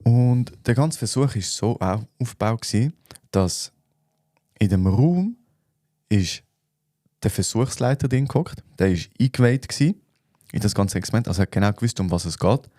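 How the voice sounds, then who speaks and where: A man with a Swiss German accent, co-hosting a podcast, explaining things in a relaxed way with plenty of fillers. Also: on the low side, moderate pace, dry recording, clean studio sound. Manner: relaxed, thinks aloud with fillers. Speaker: podcast co-host. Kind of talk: casual chat.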